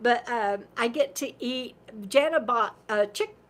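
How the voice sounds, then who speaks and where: Speaking a little high and a little slow, a fifties-aged woman runs a relaxed livestream and goes through viewer comments. Her voice is fading, and she's chatty and rambling, laughing frequently and repeating herself.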